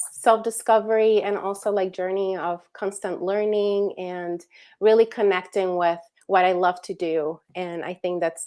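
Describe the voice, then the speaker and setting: A woman's voice: medium pitch, darkish tone. A woman, a dance movement therapist, talking about her work as a guest in an interview, in a friendly, chatty way full of "like" and "um". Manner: friendly, chatty, with light laughs and fillers like "like". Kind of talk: interview conversation.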